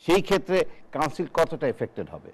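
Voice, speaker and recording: A man from Bangladesh hosting a political talk show, briskly steering the panel with questions. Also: fairly high pitch, big pitch swings, husky.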